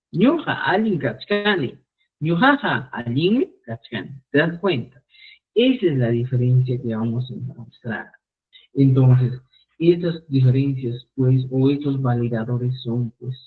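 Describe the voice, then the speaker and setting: A man teaching a live online Quechua class, repeating phrases slowly for students. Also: mid-range voice, husky. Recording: phone-like narrow sound.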